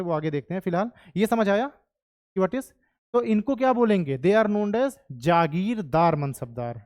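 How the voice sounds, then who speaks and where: A man with a high, light voice gives a history lecture in a classroom. He talks in a chatty way and keeps checking in with his students, switching into English phrases now and then. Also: darkish tone. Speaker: history teacher.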